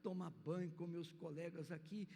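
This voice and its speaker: Tearful slow female tortoise, put on by a man, plaintive, higher voice, long hall reverb, faint background noise. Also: steady tone, creaky, warm tone. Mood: lamenting. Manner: plaintive, lamenting. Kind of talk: storytelling to a church audience.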